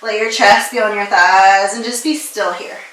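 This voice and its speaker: A woman with a medium-pitched, fairly bright voice and fairly even intonation leads a yoga class at a moderate pace as instructor and personal trainer. Upbeat and playful, she laughs often and is slightly out of breath from moving with the class. Her voice sounds a bit far from the mic in an echoey room.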